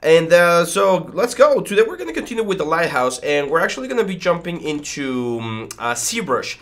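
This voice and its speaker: A congested 3D modelling instructor rambles through a casual screen-recorded tutorial, full of fillers and stammering. His voice is fairly high and fairly bright, very animated and brisk. He uses a headset with a boom mic in a small home studio room lined with foam panels.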